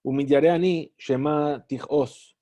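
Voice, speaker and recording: A man teaching a class, reading phrases of a text slowly and translating each one. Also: a little high, steady tone, warm tone. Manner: reads Hebrew phrases slowly, then translates. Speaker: Talmud teacher. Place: study hall. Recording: dull lo-fi recording.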